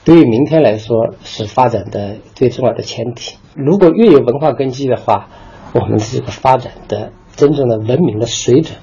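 A male university dean of architecture answers interview questions in a formal, lecturing manner. His voice is gravelly, very husky and dark in tone. The recording sounds slightly dull. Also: mid-range voice, normal speed.

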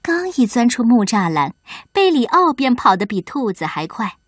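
A woman hosting and reading a children's bedtime story aloud, gentle and expressive. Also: a little high, moderate pace, no room sound, studio quality.

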